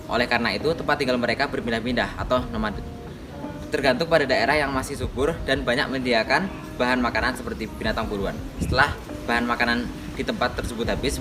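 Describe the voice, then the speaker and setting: Fast-reading man, far from the mic. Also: medium pitch. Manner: measured, read-aloud. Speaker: student presenter. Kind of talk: reading a history explanation. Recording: distant mic with music. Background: clear background music.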